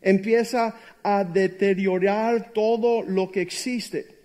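A man's voice: sits high, steady tone, slow, warm tone. A middle-aged man preaching a sermon, emphatic and jokey, telling personal stories and acting out the quoted voices. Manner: emphatic, jokey storyteller who acts out quotes.

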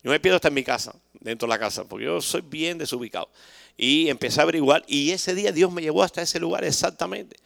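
A man delivers a church testimony at a brisk clip, his voice gravelly and sitting a bit high. He is emphatic and slips into changing voices to act out what people said to him. The sound is dry and close. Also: fairly bright tone, no echo. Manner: emphatic, acts out dialogue in shifting voices. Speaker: church member giving testimony. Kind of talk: spoken religious testimony.

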